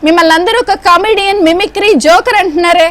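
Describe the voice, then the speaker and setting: A woman's voice: extremely high pitch, quick pace, a bit bright. A woman interviewer who puts pointed, challenging questions to her guest. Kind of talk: political interview.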